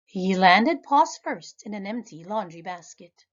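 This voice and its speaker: A woman, a preschool teacher, reading a children's picture book aloud in a lively, expressive way. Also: measured pace, dull audio. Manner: animated, high voices for characters. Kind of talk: children's storybook read-aloud.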